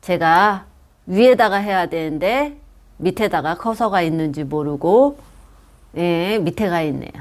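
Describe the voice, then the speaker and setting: A woman's voice: fairly low pitch, lively intonation, measured pace. A woman teaching a computer class, patiently guiding students through a program step by step. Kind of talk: step-by-step software lesson. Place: senior welfare center classroom.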